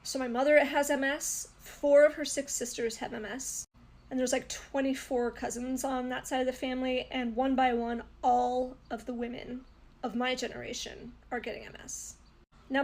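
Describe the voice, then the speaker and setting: A woman's voice: high voice, little pitch movement, normal speed. A woman speaking earnestly and emphatically in casual personal commentary. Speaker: content creator.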